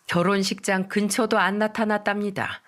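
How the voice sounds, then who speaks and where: A woman's voice: mid-range voice, little pitch movement, moderate pace, a bit bright. A woman narrating a dramatic first-person story, indignant and emphatic.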